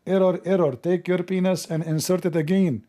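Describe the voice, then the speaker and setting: A man voicing a glitching card-reader machine that keeps repeating flat, clipped error messages. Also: sits high, fairly quick, natural voice. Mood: robotic.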